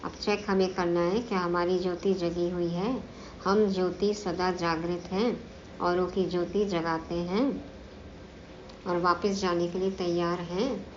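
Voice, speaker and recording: A woman delivers a spiritual discourse to a class, explaining and repeating each idea so it sinks in. Her voice sits somewhat low and she speaks very slowly. The recording is dull and lo-fi, with faint noise behind her. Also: steady tone. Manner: slow, explanatory, repeats points to make them sink in.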